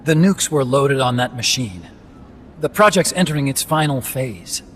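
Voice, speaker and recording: A man's voice: mid-range voice, animated, normal speed, background noise, close to an everyday voice. A man voicing an earnest, talkative robotics engineer in a video game, explaining things in precise technical terms. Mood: earnest, explanatory. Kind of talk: game voice acting, expository dialogue. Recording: music behind the voice.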